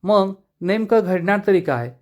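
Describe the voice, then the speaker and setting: A man's voice: high voice, expressive, measured pace, a little mellow. A man with a Marathi accent, retelling a TV serial episode as a reviewer and reading out the characters' lines. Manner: storytelling, reading out dialogue of the characters.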